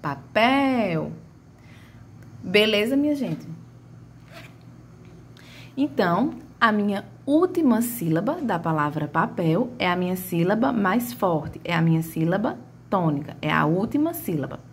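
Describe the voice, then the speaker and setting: Woman, teacher, lively pitch, unhurried, elongated words. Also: slight background noise. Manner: stretches out and calls out example words. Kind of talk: grammar lesson.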